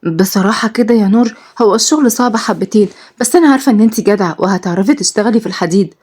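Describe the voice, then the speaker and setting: A woman's voice: mid-range voice, rapid-fire, a little mellow, husky, close to an everyday voice. Woman doing a bossy Egyptian best friend. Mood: scolding.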